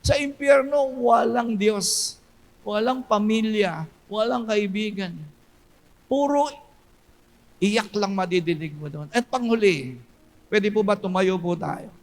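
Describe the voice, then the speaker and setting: Emphatic high-voiced pastor preaching. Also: male voice, a little slow, long pauses. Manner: emphatic preaching, swinging between loud cries and low hushed storytelling. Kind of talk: sermon.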